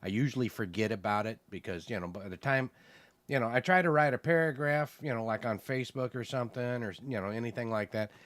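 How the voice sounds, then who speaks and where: A podcast co-host chats casually and rambles, peppering his speech with "you know." He talks fast in a mid-range, slightly bright voice with no echo.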